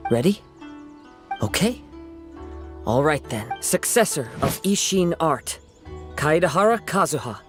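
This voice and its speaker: A man voicing a calm, courteous young wandering samurai in a video game, composed and poetic in his phrasing. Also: on the high side, measured pace, pauses often. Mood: ceremonial. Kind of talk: video game character dialogue. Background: music.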